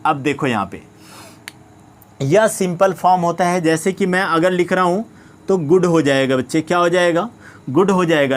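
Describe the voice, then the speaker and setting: A man with an Indian accent teaching a grammar lesson, asking questions and answering them himself while often checking understanding. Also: fairly high pitch. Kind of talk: classroom-style grammar lesson.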